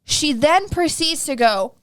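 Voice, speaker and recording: A young woman in her twenties tells a rambling, animated story as a podcast co-host, leaning on "like" at every turn. Her voice sits a little high, recorded close and dry with no room sound. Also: a little slow, dry recording. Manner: animated, rambling, heavy use of "like". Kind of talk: casual storytelling chat.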